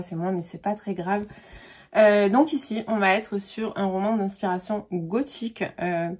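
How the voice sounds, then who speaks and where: A woman talks casually about the books she is reading, chatty and full of little fillers and restarts. Her voice is slightly breathy and sits at a middle pitch. She sounds easygoing and conversational. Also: a little mellow. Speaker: book vlogger.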